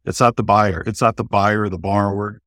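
A man's voice: fairly low pitch, steady tone, brisk, fairly bright tone, no echo, clean studio sound. A man answering questions as a guest on a podcast, in short, plain, earnest sentences. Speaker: podcast guest, note buyer. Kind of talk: conversational podcast interview.

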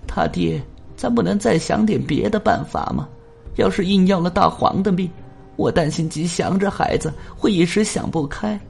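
Man putting on a soft-spoken village mother. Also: high-pitched, normal speed, creaky, soft background music, voice pushed up. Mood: worried. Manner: soft, coaxing. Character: gentle tearful village mother, middle-aged woman.

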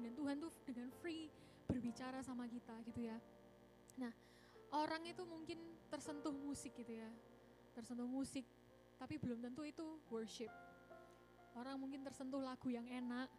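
Chatty high-voiced woman preaching. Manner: chatty, animated, mixes English words, often says "saudara-saudara". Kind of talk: casual youth sermon. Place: church service.

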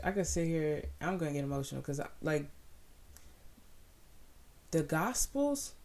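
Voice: mid-range voice, gravelly, darkish tone. A speaker giving a casual devotional Bible talk, fervent and repeating phrases for emphasis.

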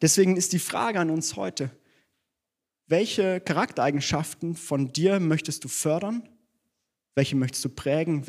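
A man's voice: fairly high pitch, breathy edge. A man preaching a sermon in church, conversational and self-deprecating, mixing teaching with personal stories.

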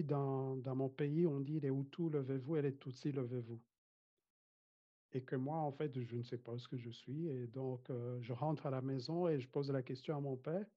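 The speaker is a man from Rwanda whose first language growing up was Kinyarwanda, appearing as a casual interview guest. His medium-pitched voice is mellow, and he's hesitant, with many restarts and frequent laughter. Recording quality is dull and lo-fi.

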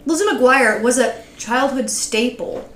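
A woman's voice: high voice, a little slow, a bit bright, echoey room, slight background noise. A Canadian woman co-hosting a casual podcast, bubbly and enthusiastic as she chats with friends. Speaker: podcast co-host. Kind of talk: casual chat.

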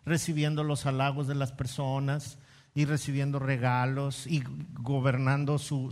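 A man with a Mexican Spanish accent preaching a sermon as a casual, slangy story, asking the congregation questions. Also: a little high. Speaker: pastor.

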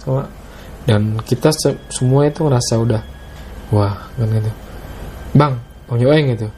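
A man tells a story in casual slang, acting out what each person said. His voice is mellow and dark, with faint noise behind it. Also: mid-range voice, moderate pace. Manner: retells dialogue, often adds "Bang" and "gitu"; Jakarta slang. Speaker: guest telling a story.

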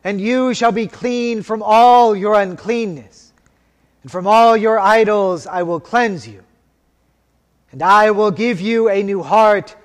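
A man leading a liturgy as officiant, intoning prayers and scripture in a solemn, measured way, his voice ringing in a cathedral echo. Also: sits high. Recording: long church reverb.

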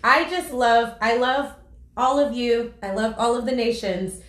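A woman's voice: a little high, measured pace. A woman on a podcast chatting casually, telling stories with feeling and plenty of "like" fillers. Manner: emotional, animated storytelling with lots of "like". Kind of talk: casual chat. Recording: roomy, echoey sound.

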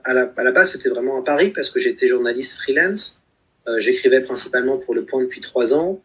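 A man's voice: mid-range voice, husky. A man in his thirties talking reflectively in a conversation, with many hesitations and restarts. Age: 30s. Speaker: guest, author of a book project.

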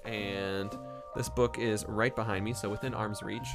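Low-voiced man hosting a podcast. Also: fairly even intonation, measured pace, music in the background. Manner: chatty, digressive, with frequent ums and uhs. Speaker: podcast host and anthropology professor. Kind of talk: casual book review podcast. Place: home library, recorded as a live stream.

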